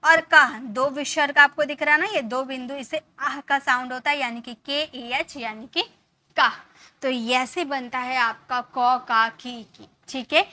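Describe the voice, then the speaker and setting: High, bright-voiced woman teaching slowly. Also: fairly even intonation. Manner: patient, repetitive explaining with many rhetorical questions. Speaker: English teacher. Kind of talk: classroom lesson.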